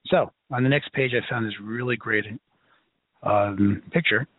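Speaking a little slowly in a fairly low voice, a lecturer from Brooklyn, New York, teaches a class with a folksy, conversational emphasis and a Brooklyn accent. He works as a health educator. There's slight background noise, and the recording has a narrow, telephone-like quality.

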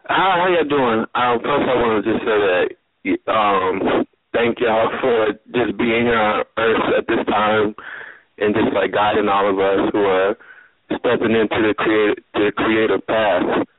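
A male caller calling in on speakerphone, hesitant, with many pauses and ums. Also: fairly low pitch, dry recording. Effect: on speakerphone over a phone line. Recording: tinny phone line.

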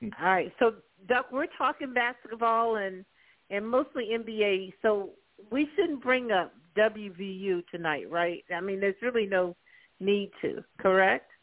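A man's voice: sits high, measured pace, narrow, tinny audio. A man hosting a casual sports talk radio show, chatty and bantering as guests are brought in.

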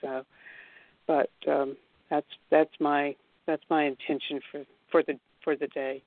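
A woman's voice: low-pitched, flat delivery, a little slow, dry recording. Southern lady calling in to a radio show, rambly and earnest, tinny phone sound. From American South. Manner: rambling, earnest, frequent restarts. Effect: caller heard over a phone line. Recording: tinny phone line, dry.

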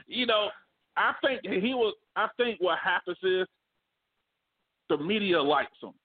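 A man co-hosting a podcast, arguing sports in an animated, joking way with bursts of laughter. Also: high-pitched, measured pace. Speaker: podcast co-host. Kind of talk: casual sports debate. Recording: phone-like narrow band.

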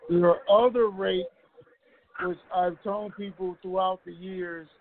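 Speaking a little slowly with fairly even intonation, a man with a high voice rambles offhandedly as a recurring guest on a call-in show. The conference phone line is tinny and dry, with a bit of hiss or hum.

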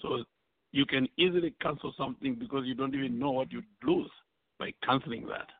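A male panelist from Zambia with a gravelly, fry-edged voice who drives his argument through a string of questions. His voice is mid-pitched. The sound is dry and narrow, like a phone call. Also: a little fast, no echo. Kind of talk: panel discussion.

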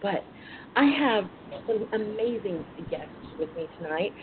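A woman's voice: medium pitch, animated, measured pace. A woman hosting a casual radio talk show in a chatty, sassy, bawdy manner. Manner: sassy, bawdy, uses endearments. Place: front porch at home. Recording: phone-like internet radio line with hiss.

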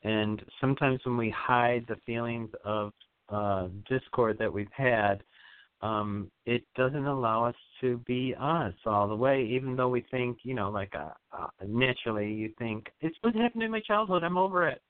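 A man hosting a radio psychic reading, guiding a caller through breathing in a soothing, halting way with many fillers. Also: medium pitch, fairly even intonation, clear, resonant tone, no echo. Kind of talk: spiritual energy reading on air. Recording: phone-like narrow sound.

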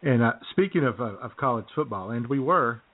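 A brisk American co-host with a medium-pitched voice and lively intonation banters jokily on a talk show, chuckling often. His audio comes through tinny and band-limited, as if over a phone.

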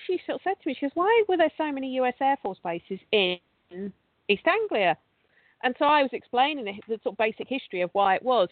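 A woman's voice: mid-range voice, no echo. Chatty woman on a tinny call. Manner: chatty, rambling, with frequent restarts. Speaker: guest, paranormal investigator and podcast host. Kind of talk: casual conversational storytelling. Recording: dry, tinny phone-like call audio.

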